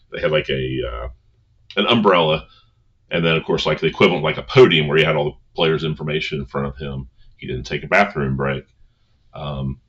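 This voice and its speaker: A man's voice: very deep voice, pushed and bright. A man speaking as a coach, giving an informal motivational talk in an earnest, conversational manner on a dull recording.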